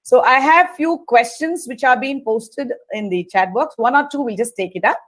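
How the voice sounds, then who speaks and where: A woman's voice: high voice, moderate pace. Woman moderating a webinar. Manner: reads out questions, polite, many fillers. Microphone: video call.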